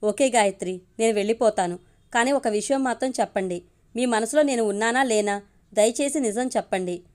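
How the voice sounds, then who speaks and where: A woman's voice: a little high, a little fast, a little mellow, natural voice. A woman voicing an earnest, lovestruck young man who pleads persistently, in an audio story. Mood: pleading.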